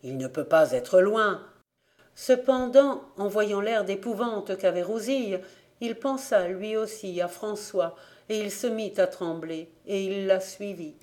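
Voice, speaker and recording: A woman volunteers as the reader for a classic novel's audiobook, keeping a steady, measured literary delivery. Her pitch is medium.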